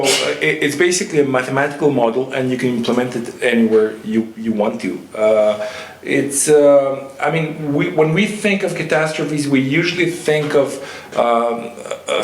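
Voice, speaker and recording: A man speaking haltingly with many fillers as a panelist and organizer in a discussion. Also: mid-range voice. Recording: echoey hall, faint noise.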